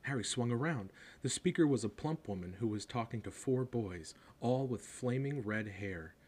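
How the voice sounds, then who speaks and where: A man narrating a storybook in an expressive, animated reading, heard over a steady hum. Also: medium pitch, normal speed, slightly rough. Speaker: audiobook narrator.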